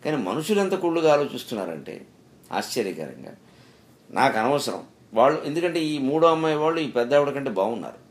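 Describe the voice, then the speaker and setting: A man's voice: mid-range voice, big pitch swings, fast. A middle-aged man giving a spiritual discourse, telling stories and asking rhetorical questions with emphatic rises. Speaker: spiritual speaker.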